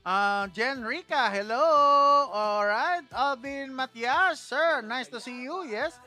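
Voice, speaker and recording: Filipina lady doing live shoutouts, high voice, kinda slow, soft music behind. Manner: chatty, exclaiming, laughs at own slips. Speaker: livestream host. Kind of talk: casual live stream shoutouts.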